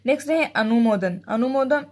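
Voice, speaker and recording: A woman teaching a Hindi grammar lesson, explaining step by step, checking in with her students, and reading out example sentences slowly and expressively. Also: fairly high pitch, animated, darkish tone.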